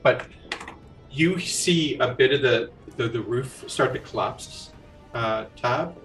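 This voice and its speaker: A man's voice: medium pitch, slow pace, a bit bright, far from the mic. Casting note: male game master, loose chatty delivery, a bit off-mic with faint music behind. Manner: casual, rambling narration with fillers. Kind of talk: narrating a tabletop game.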